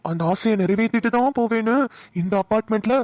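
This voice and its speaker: Woman doing a prankster cartoon husband, fairly high, dry close sound, playful teasing. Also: animated, moderate pace, no room sound. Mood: spooky. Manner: playful teasing, mock spooky storytelling. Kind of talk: cartoon voice dubbing.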